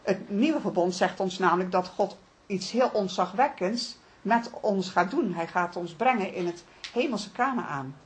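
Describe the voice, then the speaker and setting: A middle-aged woman reading Bible passages aloud and explaining them to a study group in a calm, measured way. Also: mid-range voice. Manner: calm, measured, with occasional restarts.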